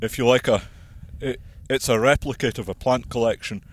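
Male farmer, outdoor walk-and-talk, measured, practical explainer, slightly winded. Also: medium pitch. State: slightly out of breath. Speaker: farmer and landowner. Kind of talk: walking outdoor conversation. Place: outdoors on a hillside plantation.

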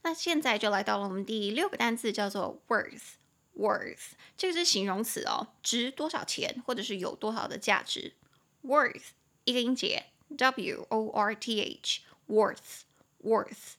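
Bright-voiced woman teaching English. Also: on the high side. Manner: chatty, explains words slowly and repeats them. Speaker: podcast host, English teacher. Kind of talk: casual podcast English lesson.

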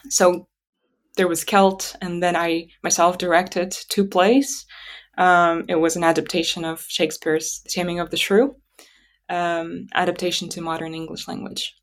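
Woman with a lower-pitched voice, reflecting aloud. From Kazakhstan. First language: Russian. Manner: halting, reflective, thinking aloud. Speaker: interview guest. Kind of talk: conversational personal storytelling.

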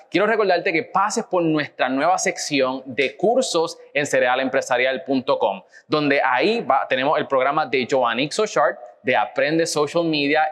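A man hosting a business podcast, upbeat and lively, with frequent fillers as he introduces a guest and interviews her. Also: fairly high pitch. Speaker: podcast host.

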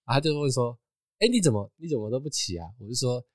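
A man's voice: mid-range voice, racing, dry recording, studio quality. A man with a Taiwanese Mandarin accent, co-hosting a casual podcast chat and telling stories with a laugh. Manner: animated storyteller, laughs often. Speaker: podcast co-host.

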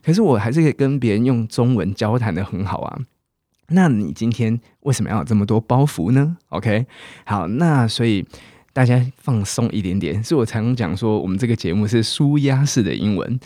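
A man with a Taiwanese Mandarin accent, hosting a casual podcast English lesson and coaxing listeners to repeat example words slowly. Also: fairly low pitch, animated, warm tone, no room sound, studio quality. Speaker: English teacher and podcast host.

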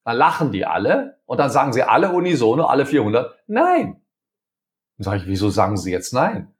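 Man, interview guest, lively pitch, acts out little dialogues. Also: fast. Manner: animated, acts out quoted dialogue in different voices. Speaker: interview guest, communication speaker. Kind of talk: conversational interview.

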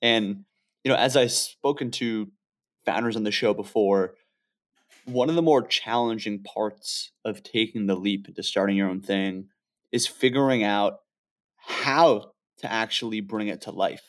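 A man's voice: lowish voice, a little slow. A man hosting an interview, asking questions in a conversational way. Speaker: podcast host.

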